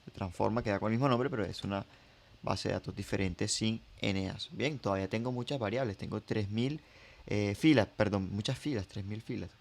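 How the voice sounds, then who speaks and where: A man's voice: fairly low pitch, fairly quick, vocal fry. A man teaching a coding tutorial over his screen, explaining each step, repeating phrases and thinking aloud with fillers. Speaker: R programming instructor.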